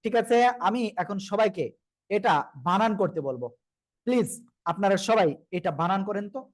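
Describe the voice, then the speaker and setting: A man's voice: high-pitched, no echo. Patient man teaching Quran reading. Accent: Bangladeshi Bengali. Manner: patient, repeats letters slowly and asks students to repeat. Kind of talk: live online Quran reading class.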